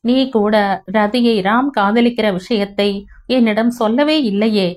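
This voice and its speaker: A woman reading the lines of an earnest, remorseful young husband in her own fairly high voice. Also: steady tone, measured pace, darkish tone, natural voice.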